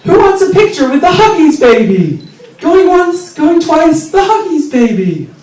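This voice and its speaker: A man's voice: very high-pitched, sing-song, a little slow, a little mellow, distant mic, pitched above the performer's own voice, exaggerated voice. A man voicing his mother as she calls out to crowds like a carnival barker. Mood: barking. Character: loud woman, the comic's mother, hawking her baby. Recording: echoey club recorded from afar, noisy.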